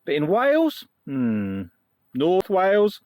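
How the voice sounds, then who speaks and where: A man's voice: high voice, huge pitch swings, slow, a little mellow, no echo. A British man chatting casually and jokily through a camping vlog, showing off a tent. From United Kingdom. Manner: jokey, chatty, laughs often. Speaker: vlogger giving a tent tour. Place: inside a large tent at a campsite.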